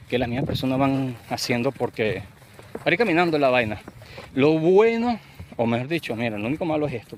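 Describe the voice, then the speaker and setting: A man with a Venezuelan llanero accent, vlogging as he walks outdoors and talks to viewers through his phone mic, rambling with restarts, sweating in the heat. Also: mid-range voice. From Portuguesa state, Venezuela. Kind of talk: walking vlog, casual chat. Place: outdoors on overgrown urban lots and streets. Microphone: phone mic, handheld. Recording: noisy outdoor phone recording.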